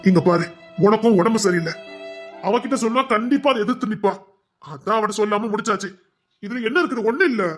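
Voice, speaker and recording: A grown son in a TV serial quickly waves off his mother's fears. He talks in a high, bright voice that sounds casual and reassuring. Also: soft background music. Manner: reassuring, brushing off worries.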